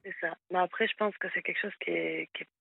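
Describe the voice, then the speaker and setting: A woman in her thirties from southwest France with a southwestern French accent, calling in to a radio show and speaking hesitantly with many pauses. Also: lowish voice, fairly even intonation, creaky, slightly rough, no room sound. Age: 30s. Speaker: caller. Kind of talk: radio call-in conversation. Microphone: telephone. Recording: tinny phone line, dry.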